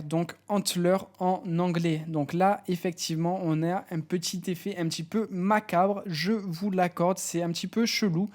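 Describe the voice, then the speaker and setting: A man giving a casual walkthrough tutorial, chatty and relaxed, sharing personal opinions with frequent fillers. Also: sits high. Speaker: AI image tutorial creator. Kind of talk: casual screen-walkthrough commentary.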